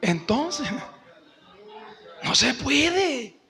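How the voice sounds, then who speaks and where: A male pastor preaching a sermon, telling a story in an animated way, acting out other voices, and sometimes shouting. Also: extremely high pitch, drawn-out words, creaky, a little hiss or hum. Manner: animated, shouts at points, acts out quoted voices.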